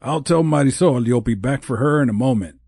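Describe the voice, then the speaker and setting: A man voicing a small, brisk, cheerful male elf in an audiobook, with a chirpy, bossy manner. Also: mid-range voice, vocal fry, a little mellow, husky, no echo, clean studio sound, voice pushed up. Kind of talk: audiobook character voice.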